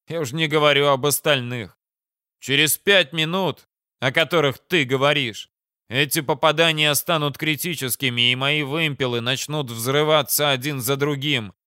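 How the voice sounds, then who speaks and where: A grim male vice-admiral, weary and unbending, as an audiobook reader puts him on. His voice is smooth and bright, a bit high. Close, dry recording. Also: no echo. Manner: steady, bitter and resolute.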